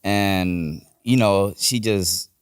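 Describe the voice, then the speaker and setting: A man's voice: deep voice, drawn-out words, clear, resonant tone, no room sound, clean studio sound. A man giving a casual, earnest personal testimony in informal speech as a guest. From Puerto Rico. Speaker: podcast guest, church member.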